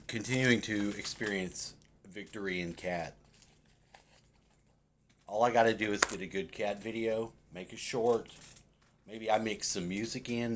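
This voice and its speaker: A man with a low voice talking casually to his viewers in a loose, meandering way, often stopping and starting over. A faint hiss of noise runs underneath him. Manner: rambling, hesitant, with restarts. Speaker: vlogger. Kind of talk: casual rambling monologue.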